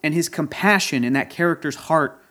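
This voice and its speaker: A man's voice: fairly high pitch, fairly quick, pushed and bright. A man in casual chat as a podcast guest, talking in a passionate, rambling and emotional way. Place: Los Angeles area.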